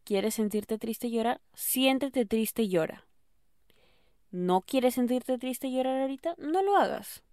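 A woman hosting an advice podcast, speaking affectionately to the listener and often checking in with a quick question. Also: on the high side, lively intonation, a little mellow, smooth, no echo, studio quality. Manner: affectionate, calls listener "mi amor", keeps asking "¿ok?". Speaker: podcast host. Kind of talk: advice monologue.

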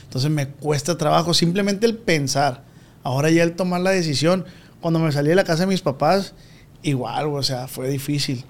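Mexican man, slangy and confiding. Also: a little fast. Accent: Mexican Spanish. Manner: slangy, confiding, drops to a low murmur often. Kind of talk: casual chat.

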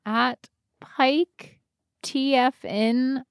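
A woman co-hosting a comedy podcast in casual chat, reading list items aloud in an animated way and laughing often. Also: sits high, drawn-out words, smooth, no room sound, clean studio sound. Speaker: podcast co-host.

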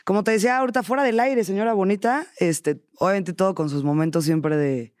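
A young Mexican woman, a stand-up comedian, chatting playfully and quickly as a podcast guest, often jumping into joking voices. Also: a little mellow, dry recording, clean studio sound. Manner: playful, fast, jokey with sudden high-pitched bits. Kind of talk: casual interview chat.

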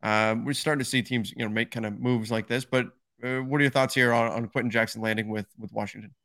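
A man hosts a casual basketball podcast, keeping things moving by asking his co-host for thoughts on each move. His tone is relaxed and conversational. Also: mid-range voice, fast talker. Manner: prompts co-host with questions.

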